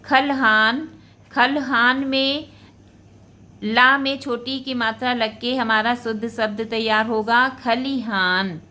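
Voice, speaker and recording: A woman teaching a spelling lesson, saying each word, then repeating it slowly as she explains the correction. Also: a little high, fairly even intonation, pushed and bright. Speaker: Hindi teacher. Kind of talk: spelling lesson for school students.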